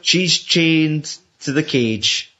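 A man's voice: fairly high pitch, extremely slow, pushed and bright. A young Scottish man chatting casually about a film, sweary and rambling, often laughing as he retells scenes. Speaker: podcast co-host. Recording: dull lo-fi recording.

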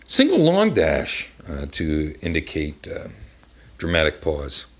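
A man's voice: extremely low pitch, huge pitch swings, takes it slowly. A man hosting a comedic live reading of a children's book in a bar, rambling into crude asides with many fillers.

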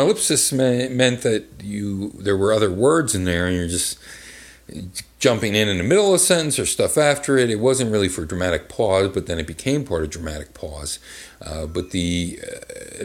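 A man hosting a comedic live reading of a children's book in a bar, rambling into crude asides with many fillers. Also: on the low side.

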